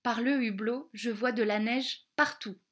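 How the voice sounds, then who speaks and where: A woman reads a children's storybook aloud in a slightly high voice. She takes her time, pronouncing every word slowly and carefully as she slips in small English lessons. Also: a bit bright. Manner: slow, careful, clearly spelled-out words. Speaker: audiobook reader.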